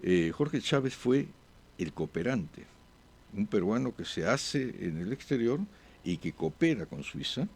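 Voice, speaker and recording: A man speaking as a diplomat guest in an interview, with halting answers full of "eh" pauses and restarts. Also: mid-range voice, sing-song, breathy edge. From born abroad.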